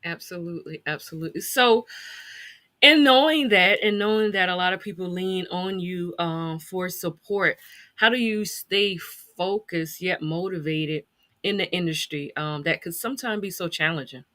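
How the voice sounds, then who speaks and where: Bright-voiced woman interviewer, fairly low pitch. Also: normal speed. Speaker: interview host. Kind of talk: conversational interviewing.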